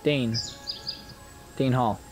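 A man's voice: medium pitch, steady tone, very slow, darkish tone, soft background music. An actor playing a polite, earnest ghost of a man lost since the 1950s, from Illinois, in a film drama. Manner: earnest, polite, old-fashioned.

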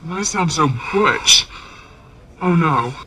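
A woman's voice: lowish voice, animated, slow pace, sharp tone, exaggerated voice. A woman playing an earnest, dismayed teenage girl singer in a TV teen show, sounding worried. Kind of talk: TV teen drama acting.

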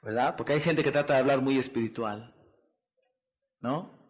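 Speaking at a moderate pace in a mid-range voice, a man acts as a motivational speaker at a seminar. His delivery is preachy and repetitive, rousing the audience and prompting call-and-response with "¿qué?" and "¿verdad?"

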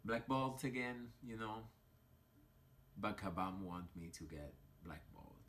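A man with an Italian accent, a little tipsy, rambling slowly with sighs and fillers as he opens crystals in a mobile game. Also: on the low side, animated, fairly bright tone, slight background noise. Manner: slow, sighing, rambling with many fillers. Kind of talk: casual commentary while opening game crystals.

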